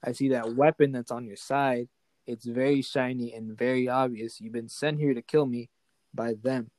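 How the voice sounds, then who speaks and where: A man's voice: medium pitch, steady tone, normal speed, darkish tone, dry recording, lightly acted. A man voicing an old, angry male dragon who threatens in a loose, casual way. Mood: threatening.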